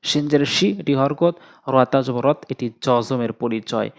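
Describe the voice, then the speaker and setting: A man with a Bangladeshi Bengali accent teaching Quran reading step by step, slowly drilling and repeating letter sounds. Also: medium pitch, gravelly. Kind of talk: step-by-step recitation lesson.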